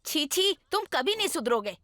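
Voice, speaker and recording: A sharp-tongued village mother. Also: high-pitched, big pitch swings, normal speed, full character voice. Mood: scolding. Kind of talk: Hindi film dub.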